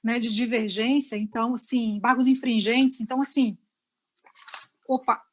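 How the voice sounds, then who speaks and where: At a normal speed and with a steady tone, a woman whose voice runs on the high side gives an online lecture to lawyers. She has a Brazilian accent, explains things one step at a time, and keeps checking in with her listeners by video.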